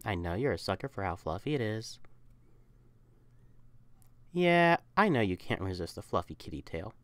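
An audio roleplay performer, a young woman, voices an affectionate, teasing, protective catboy boyfriend in an intimate, coaxing ASMR roleplay. She uses a very deep, very animated voice at normal speed, sounding playful and chiding. No room sound is audible.

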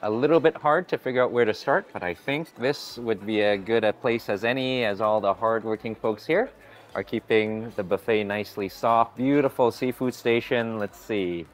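A man's voice: on the low side, normal speed, a little hiss or hum. A man in his forties giving an upbeat, chatty food vlog while walking through a hotel buffet restaurant. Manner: upbeat, chatty, often greets staff warmly. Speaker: food vlogger. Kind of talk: casual vlog narration.

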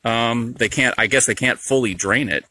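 A man's voice: medium pitch, moderate pace, bright, forceful tone, a little hiss or hum. A man chatting casually and jokingly as he hosts an outdoor hiking livestream, slightly muffled by a face mask. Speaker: nature livestream host, hike leader.

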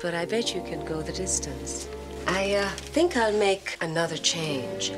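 An actress playing a flirtatious, self-assured seductress in a TV drama, teasing and unhurried. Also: female voice, on the low side, lively intonation. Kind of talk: 1980s TV action drama dialogue. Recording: TV soundtrack with music behind.

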